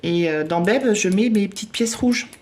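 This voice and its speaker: A woman chatting casually as she fills in savings challenges, hesitating often and counting out loud. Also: mid-range voice, normal speed. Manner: chatty, self-deprecating, lots of hesitations and counting aloud. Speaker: budget vlogger. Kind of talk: casual chat while doing savings challenges.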